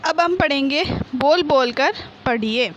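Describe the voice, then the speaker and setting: A woman with a high voice leads a reading lesson for young children. She speaks slowly and breaks words into syllables. She asks her own questions and answers them, with faint traffic noise in the background. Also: a bit bright, highs cut off. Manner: sounds out syllables, then repeats whole words. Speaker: primary school teacher.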